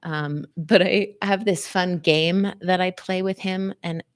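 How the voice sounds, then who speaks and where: A woman's voice: lowish voice, steady tone, takes it slowly, smooth. A woman hosting a live wellness stream, talking straight to her viewers with playful wordplay and a sing-song, chatty manner.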